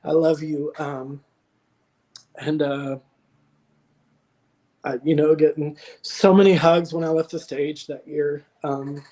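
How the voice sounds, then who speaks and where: A young adult man talking as a guest on a video call, telling a personal story in an earnest, reflective way with many hesitant pauses. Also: fairly high pitch, level tone, mellow. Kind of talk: casual chat.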